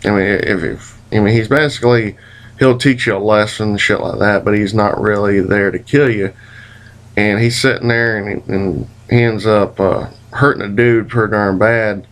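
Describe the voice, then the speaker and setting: A man with a lowish voice recounts a dream in a loose, rambling vlog style. He sounds hazy and puzzled as he gropes for words. His phrasing is folksy and colloquial, with some mild swearing. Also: steady tone, moderate pace. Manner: folksy, colloquial, mildly profane. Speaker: vlogger.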